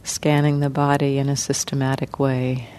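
Her bass voice barely moves in pitch as this woman guides a meditation, calm and unhurried, pausing at length between short phrases.

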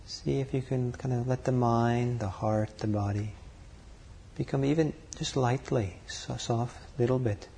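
Slow, soft-spoken male meditation guide. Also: medium pitch, vocal fry, a little hiss or hum. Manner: calm, unhurried, speaks in short phrases with long pauses. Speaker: meditation teacher.

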